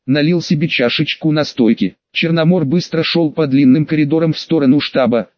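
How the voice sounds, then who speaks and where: Audiobook narrator, male, somewhat high voice, dry slightly dull recording. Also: no echo. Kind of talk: scripted first-person audiobook narration.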